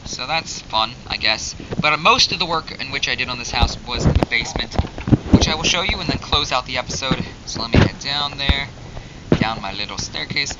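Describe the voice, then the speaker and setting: A man's voice: mid-range voice, a little fast. A man casually narrating his own Minecraft gameplay, chatty and rambling, getting exasperated with a glitchy in-game dog. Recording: dull lo-fi mic with loud noise.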